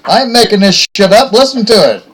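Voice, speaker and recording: A man hosting his own show, telling a rambling story in a folksy, rough-spoken, joking way. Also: sits high, very animated, a little fast, poor audio. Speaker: host. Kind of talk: casual rambling monologue.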